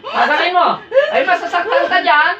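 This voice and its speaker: A woman faith healer in an exorcism ritual, chanting incantations and barking rapid commands. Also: extremely high pitch, very animated. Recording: roomy, distant, dull room recording.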